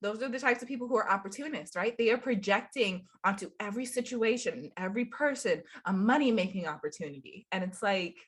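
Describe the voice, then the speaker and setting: A woman's voice: medium pitch, fairly quick, hardly any pauses, slightly rough. Congested young woman chatting to camera, upbeat and laughy, coaching vibe. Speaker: spiritual coach and channel host. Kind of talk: casual talking-to-camera advice.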